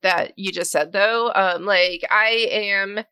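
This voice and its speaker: A woman's voice: mid-range voice, steady tone, slow, pushed and bright, clear, resonant tone, no echo. A young woman with a Massachusetts accent, rambling in casual podcast chat and filling her speech with "like". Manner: rambling, heavy on "like". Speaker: podcast co-host.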